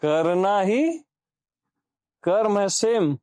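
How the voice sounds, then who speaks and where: A high-pitched man leads a satsang discourse in a mellow, unhurried voice. He puts questions to his audience, repeats his key lines, and presses them to answer. He sounds like a spiritual teacher speaking to a gathering. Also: sing-song, no room sound. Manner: urges listeners on.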